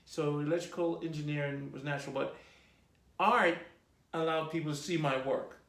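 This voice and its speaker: A man in his fifties with a Jamaican accent, telling his life story in a relaxed, rambling interview with many ums. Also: fairly high pitch, normal speed. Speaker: host being interviewed by his daughter. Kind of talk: casual personal interview. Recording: echoey room.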